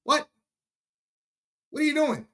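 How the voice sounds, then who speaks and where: A man's voice: very high voice, animated, slow, fairly bright tone. A man from Iran ranting angrily to his viewers on a live stream, swearing often and talking straight to them. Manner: angry, profane, addresses viewers directly. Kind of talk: heated live-stream rant.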